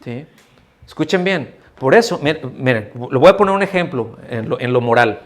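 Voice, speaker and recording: A middle-aged pastor preaches in a church hall at normal speed, his medium-pitched voice full of lively intonation. The tone is conversational, with frequent questions to the congregation and acted-out voices for anyone he quotes.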